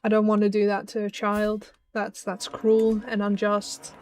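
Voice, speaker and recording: This young Dutch woman has a mid-range, darkish voice and a monotone, measured delivery. Chatting casually with her stream chat while she plays, she reads messages out loud, stumbles through many ums and restarts, and shows British and Scottish traces in her Dutch accent.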